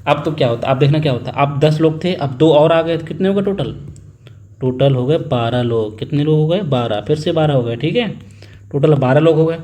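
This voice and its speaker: A man's voice: a little high, normal speed, mellow, slight background noise. A young man teaching an exam-prep maths lesson, working sums aloud, repeating figures and prompting his students to answer. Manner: acts out family members in a little story.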